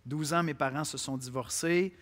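High-voiced Québécois preacher man. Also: moderate pace. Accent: Québécois French. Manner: emphatic, swinging between loud declarations and quiet asides; conversational, addresses listeners directly. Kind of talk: sermon.

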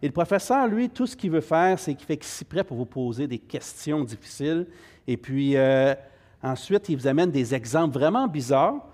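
A man's voice: a little high, big pitch swings, normal speed, darkish tone. A middle-aged man with a Québécois French accent leading an informal Bible study class, hesitant with many fillers and friendly asides to the group.

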